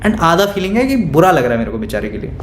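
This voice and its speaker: A young man telling an animated, gossipy school story in a casual storytime style, slipping in English phrases. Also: on the high side, quick pace, slight background noise. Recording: roomy room with faint ambience.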